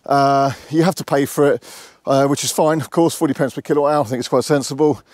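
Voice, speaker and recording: A man talks fast in a steady, medium-pitched, slightly mellow voice, chatting casually and matter-of-factly to camera as a car vlogger. He's filmed mostly outdoors in car parks and by the roadside, on a lavalier mic with a furry windshield. The recording is dry, with clean studio sound.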